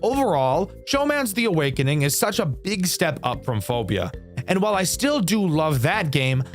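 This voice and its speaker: A young man giving casual game review commentary as a YouTuber, candid and swearing freely. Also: on the high side. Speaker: gaming YouTuber.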